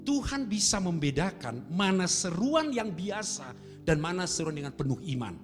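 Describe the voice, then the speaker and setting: A male pastor delivers a sermon in a lively, melodic voice set a little high for a man, swinging between hushed passages and loud bursts. The sound rings with a long church-hall reverb, and soft music plays behind him. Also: normal speed. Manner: animated preaching with dramatic swings between soft and loud emphasis.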